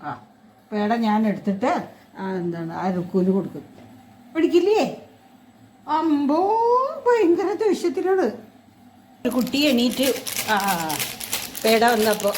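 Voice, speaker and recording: A woman coaxing and gently scolding her pet in an affectionate, sing-song voice. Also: a little high, very animated, measured pace, pauses often, slight background noise, poor audio. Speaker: pet owner filming her pet. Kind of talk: cooing talk to a pet.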